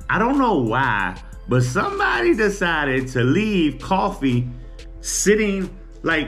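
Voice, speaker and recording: A man's voice: fairly high pitch, fairly bright tone. Laid-back man chatting to camera. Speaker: vlogger. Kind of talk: casual chat. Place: small indoor room. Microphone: camera on a table.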